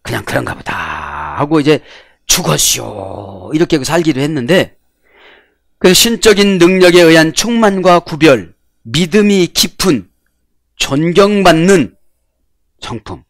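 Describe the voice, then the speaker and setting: A man preaching in an animated way. His voice sits fairly high and leaps up and down as he moves from emphatic shouts to low, confiding remarks. The sound is dry and close, with no room echo. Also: a little slow, gravelly. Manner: animated preaching, swinging between loud exclamations and low asides. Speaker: pastor. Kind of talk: sermon.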